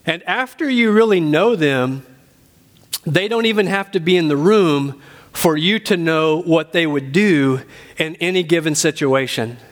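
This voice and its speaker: A man's voice: on the high side, measured pace. A man preaching a sermon as a pastor, addressing his listeners directly and repeating key phrases for emphasis. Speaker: pastor teaching a congregation.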